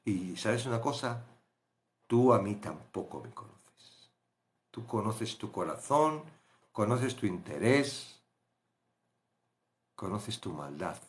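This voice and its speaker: Fervent Spanish Bible teacher, lively pitch. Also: male voice, slow pace, pauses often. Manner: fervent, acts out quotes, swings loud to hushed. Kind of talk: live-streamed Bible study talk.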